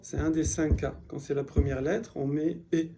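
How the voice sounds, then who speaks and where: A man's voice: fairly high pitch, level tone, normal speed, vocal fry, warm tone, slight background noise. A man teaching a beginner Hebrew class in French, explaining patiently and checking with his students as he goes. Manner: explains patiently, repeats key words, asks "d'accord?". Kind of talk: classroom lesson.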